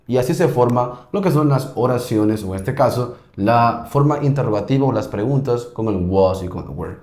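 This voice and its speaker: A man teaching an English grammar lesson, explaining slowly and patiently and often checking in with "ok?". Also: mid-range voice, lively intonation, darkish tone, roomy sound. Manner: patient, repeats points, checks in with "ok?".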